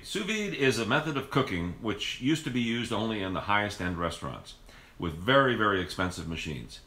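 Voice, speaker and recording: A man's voice: deep voice, bright, forceful tone, roomy sound. A man hosting a home cooking video, explaining the method casually and rambling with frequent restarts in his kitchen.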